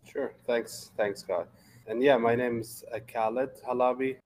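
A man in his thirties from Lebanon, a guest in a casual interview, speaking in a relaxed way and often repeating words as he thinks. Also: medium pitch, a little slow, low-quality recording.

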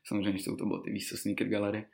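A man's voice: on the low side, monotone, gravelly, darkish tone. Rambling man telling stories. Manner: rambling, laughing, full of fillers. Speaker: guest rapper. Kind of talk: casual storytelling.

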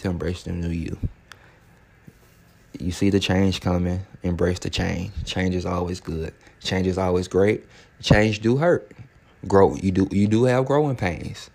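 A man's voice: low-pitched, fairly even intonation, measured pace, gravelly, darkish tone. A man hosting a podcast in a casual solo monologue, emphatic and preachy, repeating phrases to drive a point home. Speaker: podcast host.

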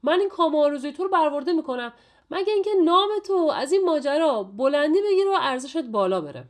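A woman's voice: sits high, expressive. A woman voicing Zahhak, a cruel and grasping tyrant king, in a declaiming tone. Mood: commanding.

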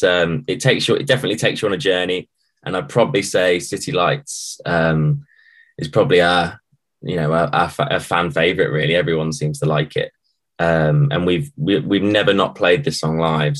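A man with a British accent, chatting casually as an interview guest in a halting, matey way. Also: low-pitched. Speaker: band musician, interview guest. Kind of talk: casual chat.

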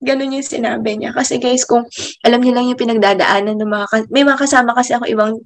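A young woman in her twenties, a teacher, telling a personal faith story in a casual, chatty way. She laughs often and lets many phrases trail off softly. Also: on the high side, fairly even intonation, fast, a little hiss or hum. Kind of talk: casual faith testimony vlog.

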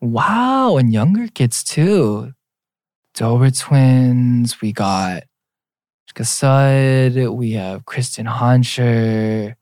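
This late-twenties man speaks extremely slowly in a medium-pitched, darkish voice while co-hosting a podcast. He keeps the chat casual and playful, teasing his co-host and reading out lists. The clean studio sound has no echo.

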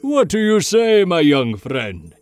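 A man voicing a pushy old male shopkeeper who wheedles, whispers and booms, with faint music behind. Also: slow pace, no echo, heavily acted. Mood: wheedling. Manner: whispering then booming, high and animated.

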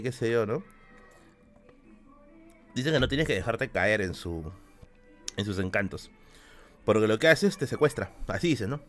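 A young man with a Peruvian accent, a streamer telling spooky stories in a casual way and ending his lines with quick tag questions. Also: medium pitch. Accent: Peruvian Spanish. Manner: animated, tags lines with "¿no?". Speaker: streamer host.

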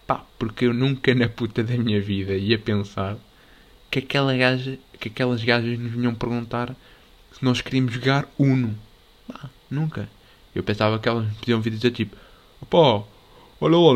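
Teen male comic, European Portuguese accent, low-ish voice, crude swear-heavy rambling monologue. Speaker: comedy vlogger.

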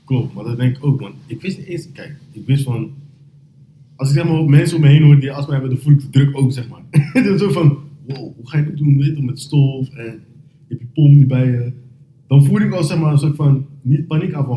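A young man hosting a casual podcast chat, animated and slang-heavy, laughing often as he tells stories. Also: mid-range voice, brisk. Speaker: podcast host. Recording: roomy echo, faint noise.

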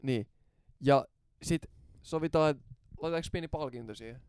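A young man hosting a podcast, telling stories in animated casual chat with sudden loud excited bursts and swearing. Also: fairly high pitch, clear, resonant tone, dry recording, studio quality. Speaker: podcast host.

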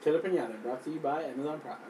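A speaker blurting quick remarks in a casual movie-reaction chat. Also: mid-range voice. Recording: distant from the mic, faint background noise.

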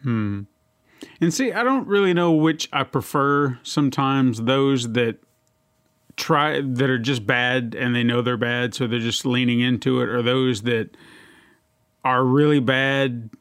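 Joking middle-aged podcast host. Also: male voice, mid-range voice, a little slow, a bit bright, smooth, dry recording, clean studio sound. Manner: jokey, with stumbling restarts. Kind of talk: casual film chat.

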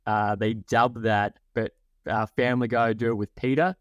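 A man's voice: fairly low pitch, fairly even intonation, moderate pace, clean tone, no echo, muffled recording. A man co-hosting a casual podcast, talking animatedly and acting out quotes in a raised voice. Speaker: podcast co-host.

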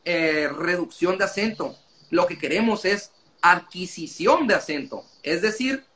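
A man's voice: high voice, expressive, measured pace, a bit bright, a little hiss or hum. A man explaining his views in casual conversation, talkative and often breaking off mid-sentence. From Mexico.

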